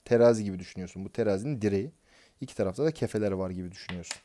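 A man's voice: lowish voice, rapid-fire, mellow. A man teaching an exam prep lesson, explaining concepts step by step and answering his own questions as he goes.

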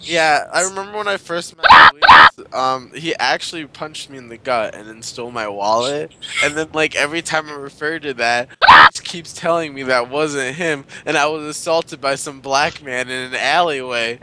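A man joining a casual podcast, teasing and joking in a deadpan way. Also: medium pitch, normal speed, few pauses, a little hiss or hum. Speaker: guest. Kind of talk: casual chat.

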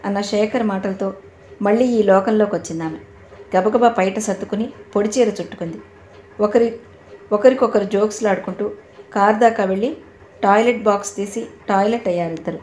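Calm woman narrating an audio novel. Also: medium pitch, brisk. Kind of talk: scripted narration. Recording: echoey room, faint background noise.

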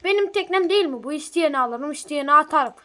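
A woman chatting excitably through a game for her viewers, a little sick and hoarse. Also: high-pitched, fast. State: sick, coughing. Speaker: gaming video creator. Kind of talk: casual gameplay commentary.

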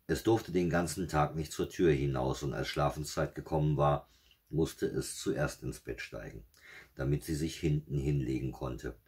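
A man with a husky voice reading a fairy tale aloud in a steady, measured way. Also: rumbling low. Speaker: storyteller.

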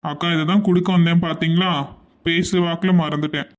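A man's voice: fairly high pitch, fairly even intonation, brisk, lightly acted. A man voicing a caring young brother who insists on helping his sister, in a cartoon. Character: caring young brother, generous and eager to help. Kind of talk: cartoon voice acting.

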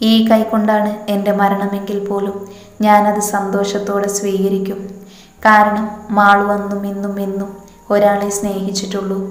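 A woman reading a romantic storybook narration aloud in a steady, even manner. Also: mid-range voice. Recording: echoey room with long reverb.

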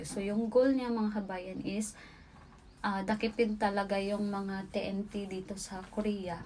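A woman's voice: medium pitch, a little hiss or hum. A young woman from the Philippines telling a story in a casual vlog, talking straight to her viewers and gesturing as she speaks. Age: young adult. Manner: chatty, animated hand gestures, often addresses viewers directly. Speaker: vlogger. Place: small indoor room by a window. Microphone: camera in front at desk distance.

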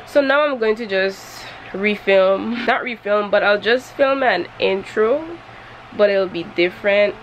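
A young woman vlogging casually from her car, with a low, nasal morning voice and a chatty, candid manner. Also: muffled recording, slight background noise. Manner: chatty, candid, laughs easily. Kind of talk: casual vlog chat.

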